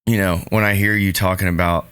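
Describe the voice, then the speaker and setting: A man's voice: low voice, flat delivery, fast, a bit bright, smooth, no room sound, studio quality. A man co-hosting a podcast, talking casually in a rambling, hesitant, joking way. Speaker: podcast co-host being interviewed.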